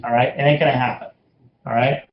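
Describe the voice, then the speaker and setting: A man's voice: mid-range voice, fairly even intonation, fast talker. A man telling his network marketing story in an interview, blunt and emphatic, speaking from home. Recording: roomy, dull lo-fi sound.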